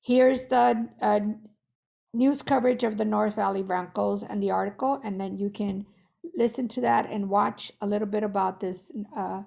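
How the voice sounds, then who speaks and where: A woman's voice: medium pitch, steady tone, moderate pace, gravelly, a little mellow. A woman who is losing her voice, guiding an online workshop in a chatty, self-correcting way over a video call. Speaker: workshop facilitator.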